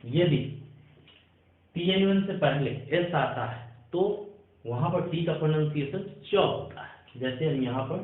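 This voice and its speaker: A man teaching an English pronunciation lesson to students, reading out rules slowly and often checking if they are clear. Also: fairly high pitch. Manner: slow dictation of rules, asks "clear?" often. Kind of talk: classroom lesson. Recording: tinny phone-like audio.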